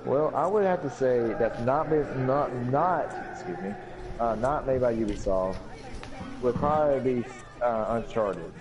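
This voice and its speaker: A man's voice: mid-range voice, lively intonation, unhurried, crowd noise. A young man co-hosting a casual gaming podcast, rambling with many fillers and restarts. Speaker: podcast co-host.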